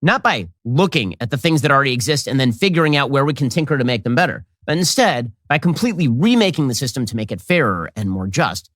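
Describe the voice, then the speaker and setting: A man as a political commentator delivering a quick, sarcastic monologue into a close mic. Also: medium pitch, sing-song, fairly bright tone, dry recording.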